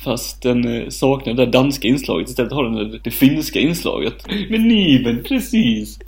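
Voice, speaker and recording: A man's voice: mid-range voice, expressive, a little mellow. En man pratar avslappnat som programledare och skrattar ofta. Han driver med sig själv och börjar om på sina meningar. Rösten har ett vanligt mellanläge för en man. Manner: laughs often, self-mocking, rambling with restarts. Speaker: podcast co-host. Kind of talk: casual chat.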